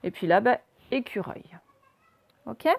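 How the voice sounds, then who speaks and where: A woman's voice: on the high side, measured pace, gravelly. A woman teaching a spelling lesson to children, patiently spelling out words letter by letter.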